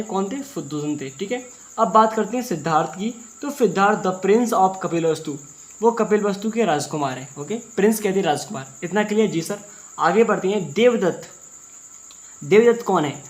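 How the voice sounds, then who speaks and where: A man with an Indian accent teaching English through Hindi, reading English sentences slowly word by word and explaining each word again and again. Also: sits high.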